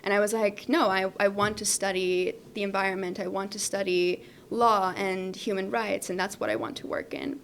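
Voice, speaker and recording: A woman's voice: mid-range voice, little pitch movement, moderate pace, vocal fry, few pauses, slight background noise. A young woman from Iran, a guest data scientist, chatting relaxedly about her background. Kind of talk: casual interview answers.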